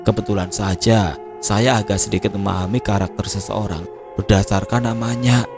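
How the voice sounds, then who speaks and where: A man voicing a gentle, modest older becak driver with a Javanese accent, speaking softly. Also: on the low side, steady tone, normal speed, close to an everyday voice. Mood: humble. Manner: soft-spoken, modest. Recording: music playing behind.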